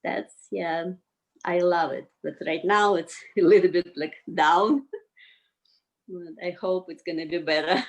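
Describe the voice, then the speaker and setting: A mature woman from Azerbaijan speaks with an Azerbaijani accent, answering casually in halting, loosely built non-native English. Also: fairly low pitch. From Baku, Azerbaijan. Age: 50s or older. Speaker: interview guest, yoga community member. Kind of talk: casual conversational interview answers.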